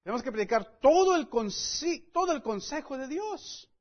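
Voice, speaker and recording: Earnest male preacher, high voice, measured slow delivery, leaning hard on key words; muffled lo-fi sound. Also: lively intonation. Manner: earnest, repeatedly addresses listeners as friends; emphatic, stresses key words. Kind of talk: sermon with scripture reading.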